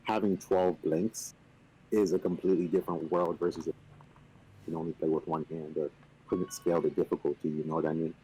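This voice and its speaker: A man on a video call casually explaining a game, relaxed and playfully boastful, with lots of fillers. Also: deep voice, a little fast, soft background music, poor audio. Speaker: company representative teaching the game. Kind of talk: casual chat on a stream.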